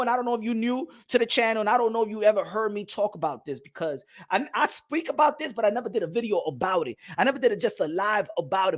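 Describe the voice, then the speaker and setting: A man hosting a casual boxing livestream, animated, swinging between loud outbursts and low mumbling, dropping Spanish phrases into his talk. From United States. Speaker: boxing commentator.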